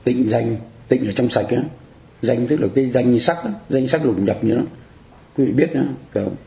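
A man's voice: medium pitch, moderate pace, gravelly, dark tone, roomy sound. A man teaching a Buddhist lecture, explaining terms patiently and often asking the audience whether they follow. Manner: explanatory, repeats phrases, asks the audience for agreement. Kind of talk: dharma lecture.

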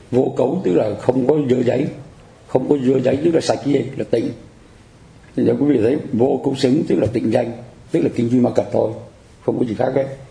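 A man's voice: mid-range voice, creaky, dark tone, reverberant. A man teaching a Buddhist lecture, explaining terms patiently and often asking the audience whether they follow. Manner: explanatory, repeats phrases, asks the audience for agreement. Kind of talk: dharma lecture.

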